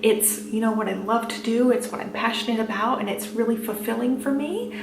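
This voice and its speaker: Female vlog host, slightly high voice, reassuring and chatty but held back in volume, recorded in an echoey room. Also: brisk, creaky, a little hiss or hum. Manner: quiet, held-back talking to avoid waking her baby; encouraging, reassuring. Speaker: crafting channel host. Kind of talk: casual chatty vlog talk.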